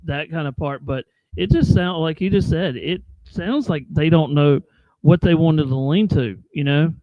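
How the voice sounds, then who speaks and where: A man's voice: on the high side, moderate pace. A man co-hosting a casual sports chat, his voice drenched in heavy cave-like reverb from his mixer, with short, easygoing replies. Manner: short, easygoing replies with many "you know"s. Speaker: co-host. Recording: dull lo-fi mic with cave-like reverb.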